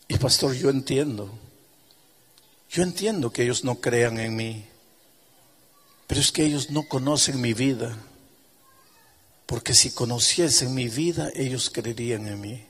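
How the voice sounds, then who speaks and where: A man voicing a grieving former drunkard who speaks quietly and pleads in a remorseful tone, heard with the long reverb of a large hall. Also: mid-range voice, a little slow, pauses often, breathy edge. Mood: pleading.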